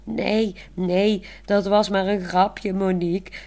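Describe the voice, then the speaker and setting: A woman's voice: mid-range voice, little pitch movement, slow pace, darkish tone. A woman voicing a shy, bashful grown man in love who talks hesitantly and stammers, in a storybook reading.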